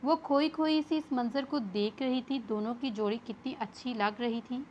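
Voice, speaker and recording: High-voiced woman reading a novel. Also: moderate pace. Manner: steady storytelling read-aloud. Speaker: novel reader. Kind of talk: scripted narration of a novel. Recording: dull lo-fi with faint hiss.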